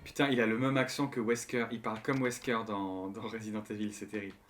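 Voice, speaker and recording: Bright-voiced man commentating a game. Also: fairly low pitch, flat delivery, fairly quick. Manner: informal, slangy, talking to viewers. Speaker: gaming streamer. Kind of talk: casual gameplay commentary, reading game dialogue aloud. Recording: music behind the voice.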